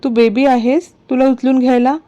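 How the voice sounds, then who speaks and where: A woman's voice: sits high, moderate pace, close to an everyday voice. A woman voicing a teasing, stubborn young husband in a narrated story. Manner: teasing, calm. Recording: dull lo-fi recording.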